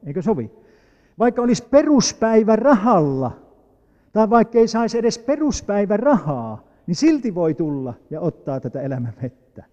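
A man preaching a sermon, reading scripture slowly and rising into emphatic, loud appeals. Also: high-pitched, sing-song. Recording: dull lo-fi recording with long hall reverb.

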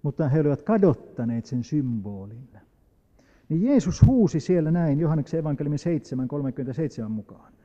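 A man preaching a sermon, reading scripture slowly and rising into emphatic, loud appeals. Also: a little high. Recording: dull lo-fi recording with long hall reverb.

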